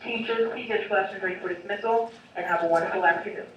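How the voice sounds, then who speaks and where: School intercom announcer, heard through a distant classroom speaker, steady list-reading delivery, very roomy sound. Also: medium pitch, quick pace, highs cut off. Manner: reads lists of names and bus numbers in a steady announcing tone. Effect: school intercom loudspeaker. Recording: echoey loudspeaker heard from far off with faint noise.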